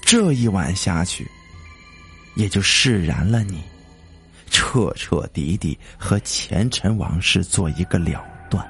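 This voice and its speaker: Husky old crone of the underworld, put on by a man, low raspy drawl, grave and unhurried. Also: lively intonation, fairly bright tone, soft background music, heavily acted. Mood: coaxing. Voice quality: hoarse and low. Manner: slow, solemn, coaxing. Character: old underworld woman serving soup of forgetting, weary.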